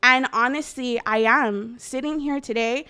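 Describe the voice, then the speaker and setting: A woman's voice: on the high side, unhurried, pushed and bright, clear, resonant tone. A woman in her twenties talking earnestly and reflectively in an interview, often saying "like.". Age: 20s. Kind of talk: candid personal interview.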